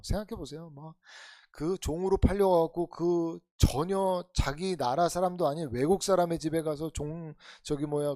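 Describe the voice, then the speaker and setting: A man's voice: on the high side, darkish tone, no room sound. A male pastor preaching an expository sermon in earnest, urging tones, full of rhetorical questions. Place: church sanctuary.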